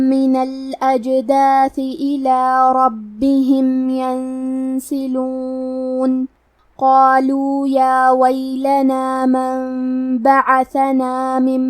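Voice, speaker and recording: A woman teaching a tajweed lesson, carefully explaining pronunciation rules and reciting verses slowly. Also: high-pitched, mellow, no echo, distant mic.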